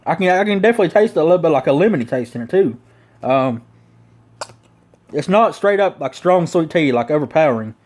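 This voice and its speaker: A Southern man with a full lip of dip rattles off a casual product review fairly quickly, his slightly high voice animated and a little mellow. The drawl is strong, and his talk meanders with folksy slang.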